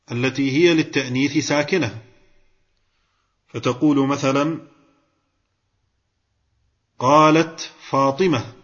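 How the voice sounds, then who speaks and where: Male grammar teacher, husky voice, step-by-step classroom explaining, muffled recording. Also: a little high. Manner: explains step by step, quizzes and praises students.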